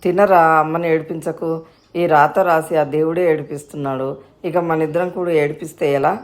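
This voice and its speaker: A woman's voice: deep voice, steady tone, moderate pace, close to an everyday voice. A woman voicing a mild, resigned old grandmother in a storybook.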